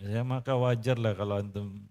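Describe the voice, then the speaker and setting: A man's voice: fairly low pitch, steady tone, normal speed, mellow, soft background music. A man giving a casual sermon to a congregation, bantering, quizzing his listeners and laughing often. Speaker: preacher. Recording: long reverb of a hall.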